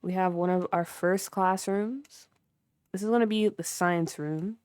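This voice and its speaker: Chatting with her viewers, a young woman gives a filler-heavy walkthrough of what she's built in a game during a livestream. She speaks at a measured pace in a fairly low, slightly mellow voice with fairly even intonation, and there's no echo.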